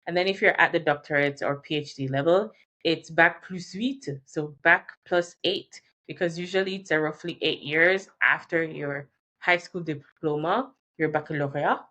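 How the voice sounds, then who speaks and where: A Jamaican woman whose first languages are Jamaican Patois and English presents career and relocation advice informally. Her low voice is pushed and bright, with a steady tone and moderate pace, and she chats along, repeating key terms and correcting herself.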